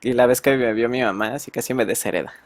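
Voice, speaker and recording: A man's voice: mid-range voice, fast talker, dry recording. A man with a Mexican accent, a teacher chatting casually with his students and telling slangy stories full of fillers.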